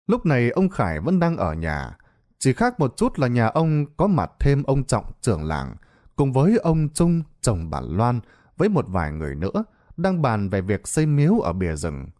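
Dark-voiced man telling a dramatic tale. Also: mid-range voice. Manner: dramatic, expressive. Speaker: storyteller. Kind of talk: dramatic horror story narration.

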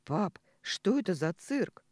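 A woman's voice: medium pitch, very animated, slow pace, darkish tone, dry recording, clean studio sound, pitched above the performer's own voice. A woman reading an audiobook voices an indignant young woman, a man's daughter. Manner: indignant, suspicious.

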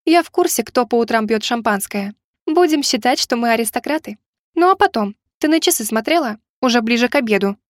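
A woman reading an audiobook voices a cheerful, caring young female friend in a lively, teasing, higher-pitched way. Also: brisk, dry recording, clean studio sound, natural voice.

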